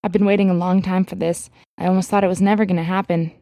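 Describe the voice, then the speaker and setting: A woman's voice: fairly low pitch, level tone, quick pace, warm tone, no room sound, highs cut off. A woman playing a tabletop role-playing game, describing scenes and reasoning earnestly. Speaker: player. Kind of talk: casual tabletop game play.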